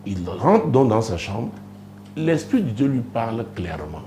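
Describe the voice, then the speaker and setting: A man preaching a testimony on a broadcast show, telling a story with dramatic rises and hushed asides. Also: mid-range voice, big pitch swings, measured pace, slight background noise. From Cameroon. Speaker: apostle and preacher.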